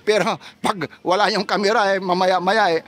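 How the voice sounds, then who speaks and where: Male street vlogger, high voice, chatty patter full of tag questions, outdoor market, phone camera. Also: fairly even intonation, measured pace, a bit bright. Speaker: vlogger showing goods at a market stall. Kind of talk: casual street vlog chat.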